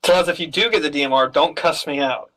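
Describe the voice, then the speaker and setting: Man, fairly high voice, teasing, laughing, swearing, gaming voice chat. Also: fast, fairly bright tone, low-quality recording. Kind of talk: casual voice chat while gaming.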